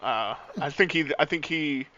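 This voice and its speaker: Deadpan male player with a sharp, bright voice on a lo-fi mic. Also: on the high side, normal speed, dry recording. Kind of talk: tabletop game play.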